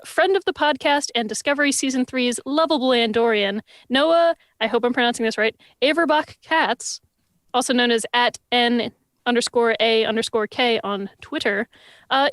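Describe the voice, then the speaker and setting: A woman's voice: fairly high pitch, normal speed, fairly bright tone, no echo, studio quality. A woman co-hosting a live-streamed podcast, making upbeat announcements full of puns. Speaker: podcast co-host.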